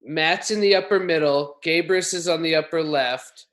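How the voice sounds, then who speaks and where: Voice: medium pitch, moderate pace, fairly bright tone, slight background noise. A performer on a live comedy video call, patiently explaining the screen layout and giggling along. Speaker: improv comedy host. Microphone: remote video call mic.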